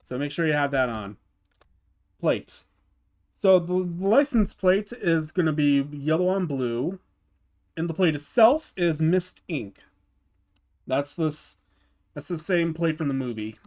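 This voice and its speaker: A man's voice: fairly high pitch, animated, takes it slowly, long pauses, darkish tone. A man hosting his gaming channel, talking through a car build in a casual tutorial voice-over, often stopping to restart and repeat words.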